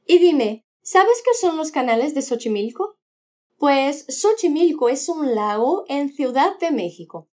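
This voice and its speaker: Lively high-voiced woman teaching Spanish. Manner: patient, slow model pronunciations for repeating. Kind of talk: podcast language lesson.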